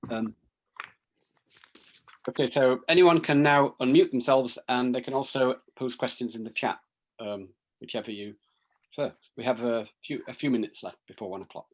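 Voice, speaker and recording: A man's voice: mid-range voice, moderate pace. A man moderating an online Q&A, hesitant and fumbling as he sorts out call settings, heard over a video call. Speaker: forum moderator. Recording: dull lo-fi video call audio.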